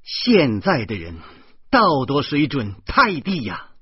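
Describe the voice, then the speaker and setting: A man's voice: mid-range voice, very animated, measured pace, breathy edge, dry recording, muffled recording, exaggerated voice. A man voicing an indignant bookish male associate professor who sighs over an accident and then pounds the table in outrage.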